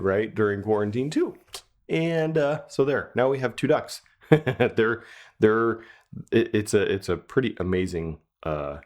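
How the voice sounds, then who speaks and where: A man hosting a radio show, telling a family story in a casual, chatty way and acting out the quotes. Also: lowish voice. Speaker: radio show host, estate planning lawyer.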